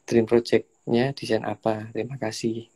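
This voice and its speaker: A young man, hosting a casual interview in a relaxed, joking way. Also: medium pitch, normal speed, breathy edge. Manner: relaxed, joking, slips into Javanese slang. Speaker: host.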